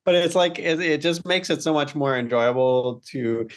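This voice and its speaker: A man with a fairly high voice talks at a normal speed, casual and earnest like a podcast co-host. He keeps it informal and often repeats words as he goes in this relaxed conversation.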